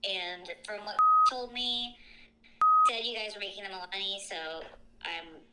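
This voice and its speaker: A woman's voice: mid-range voice, wildly swooping pitch, moderate pace, very noisy. A woman talking casually and informally over the phone, hedging and trailing off mid-thought. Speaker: content creator, prospective client. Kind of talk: casual chat on a phone call.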